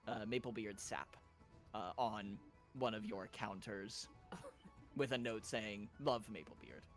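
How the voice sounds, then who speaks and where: A man's voice: fairly low pitch, steady tone, slow pace, faint music behind. Enthusiastic rambling man player. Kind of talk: casual chat after a game.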